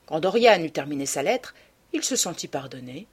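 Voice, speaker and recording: A woman narrating a classic novel as an audiobook, in a measured literary reading with a husky voice. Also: deep voice, animated. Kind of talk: scripted narration.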